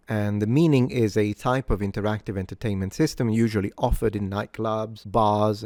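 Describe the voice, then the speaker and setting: A man hosting a short scripted pronunciation lesson, speaking in a measured way and repeating words slowly for practice. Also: lowish voice, a little mellow, dry recording, studio quality. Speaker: pronunciation teacher.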